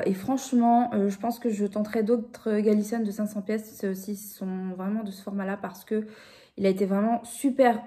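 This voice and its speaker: Chatty mellow-voiced woman vlogger. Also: medium pitch. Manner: chatty, many fillers and restarts. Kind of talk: casual craft vlog.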